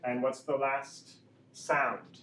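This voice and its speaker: Male ESL teacher drilling phonics; unhurried delivery, distant mic in a noisy room. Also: medium pitch, fairly even intonation, pushed and bright. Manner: instructional, repeats sounds and checks with "right?". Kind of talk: classroom phonics lesson, slow drilling. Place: classroom. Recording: echoey room, distant mic, background noise.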